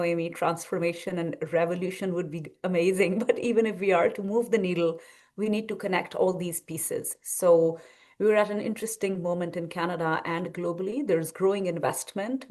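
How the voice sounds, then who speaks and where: A woman's voice: lowish voice, a little mellow. Articulate woman moderating a panel. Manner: articulate, smoothly introducing speakers.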